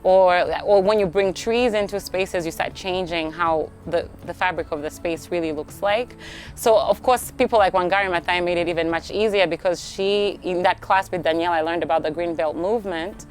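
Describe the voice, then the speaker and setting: Outdoors at a tree nursery, a young woman from Uganda, a tree program coordinator, talks through interview questions in a reflective, chatty way, often using "like". Her lowish voice moves at normal speed over faint music in a rough recording.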